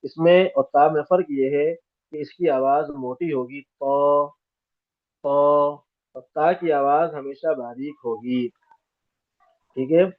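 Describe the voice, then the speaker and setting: Man teaching letter sounds over tinny audio. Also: a little high. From India. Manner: demonstrates letters by sounding them out repeatedly; corrects common student mistakes firmly. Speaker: Quran recitation teacher. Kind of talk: step-by-step pronunciation lesson.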